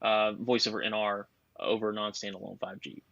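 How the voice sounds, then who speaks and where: Low-voiced man explaining tech, muffled. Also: flat delivery, normal speed, vocal fry, pushed and bright, no echo. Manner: explains technical details at length, chatty. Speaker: guest telecom expert. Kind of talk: casual podcast chat.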